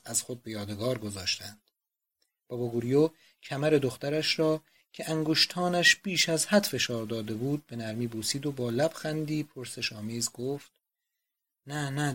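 A man narrating a literary audiobook in a measured, expressive reading voice. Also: on the high side.

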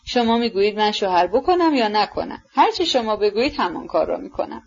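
A woman's voice: mid-range voice, big pitch swings, gravelly, breathy edge, highs cut off, heavily acted. A woman voicing a proud, imperious young woman who speaks in a haughty, commanding way. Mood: cold.

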